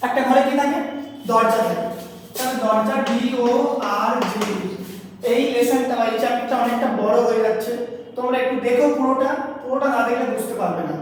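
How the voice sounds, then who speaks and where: A woman teacher giving a grammar lesson to schoolchildren in a classroom, explaining slowly and repeating herself as she spells out letters. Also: on the high side. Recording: echoey hall, far from mic, faint noise.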